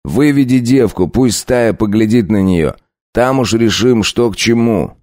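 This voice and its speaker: A man playing a mocking, brutal werewolf bandit leader who talks slowly and sneers. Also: fairly low pitch, a little mellow, no echo, studio quality, pitched above the performer's own voice, lightly acted. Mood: sneering. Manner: slow, sneering, gloating.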